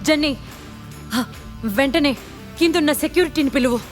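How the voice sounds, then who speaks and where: A woman's voice: unhurried, faint music behind, close to an everyday voice. A woman voicing an arrogant, cowardly foreign businessman villain who sneers and turns panicky in a storybook audio drama. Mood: panicked threats. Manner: sneering, then shrill and panicky when threatened.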